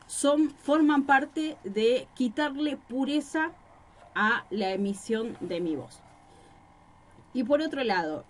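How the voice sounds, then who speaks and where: Woman teacher with a Rosario accent. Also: on the high side. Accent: Rosario Argentine Spanish. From Rosario, Argentina. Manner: explanatory, gives examples and asks rhetorical questions. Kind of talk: recorded class lecture. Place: small room. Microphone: microphone.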